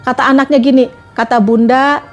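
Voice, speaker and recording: A woman's voice: sits high, fairly even intonation, brisk, faint music behind. A woman preaching on a livestream, talking to her listeners as friends in a repetitive, coaxing way. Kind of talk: livestream religious talk.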